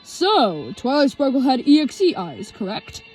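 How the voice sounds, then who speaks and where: A woman's voice: high-pitched, big pitch swings, a little slow, darkish tone, breathy edge, soft background music, heavily acted. A woman voicing a cheerful, reassuring male TV-headed helper in a storybook reading. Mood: chipper.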